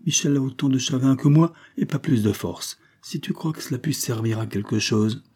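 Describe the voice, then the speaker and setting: A man's voice: medium pitch, moderate pace, warm tone, breathy edge, pitched above the performer's own voice. A man voicing a tearful, stubborn young country girl. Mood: sorrowful. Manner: tearful, plaintive and insistent. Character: grieving young peasant woman, stubborn.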